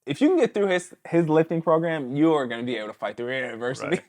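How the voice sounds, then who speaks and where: Animated man telling stories. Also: fairly high pitch, very fast. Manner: animated storyteller, mimics his coach's shouts. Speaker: guest, former pro football player. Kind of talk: casual conversational interview.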